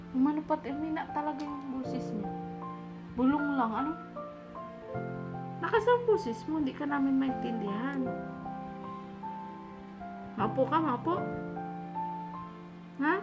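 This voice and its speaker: Woman, vlogger, high voice, casual chat, repeats questions, coaxing. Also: expressive, takes it slowly, long pauses, over loud music. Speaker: charity vlogger visiting an elderly woman.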